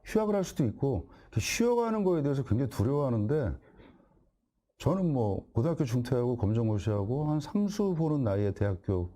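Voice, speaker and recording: Guy giving a jokey talk to parents, mellow voice, super lively up and down, keeps asking them questions. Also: mid-range voice, a little fast. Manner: acts out dialogues, jokey and direct; addresses parents with rhetorical questions. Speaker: guest speaker at a parents' event. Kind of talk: storytelling talk to an audience.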